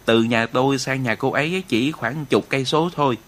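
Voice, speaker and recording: A man's voice: medium pitch, normal speed, a bit bright, lightly acted. A man voicing a cheeky, playful male army aide who banters. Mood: bantering.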